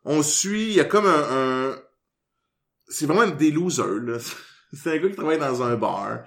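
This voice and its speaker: A man with a Québécois French accent, co-hosting a casual podcast and often pausing to find his words. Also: fairly high pitch, lively intonation, echoey room. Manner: hesitant, searching for words. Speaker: podcast co-host. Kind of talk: casual chat.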